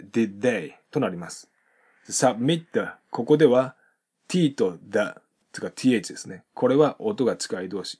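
Husky man teaching pronunciation. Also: fairly low pitch, a little mellow. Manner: slow careful model sentences between quick explanations; instructive, many fillers. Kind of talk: explanatory lesson narration.

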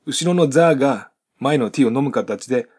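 A man with a husky, slightly breathy voice walks through pronunciation drills in a methodical way. He breaks each phrase down into its sounds and repeats the example sentences slowly. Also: mid-range voice, lively intonation, a little mellow. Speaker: English pronunciation teacher. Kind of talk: instructional explanation with example sentences.

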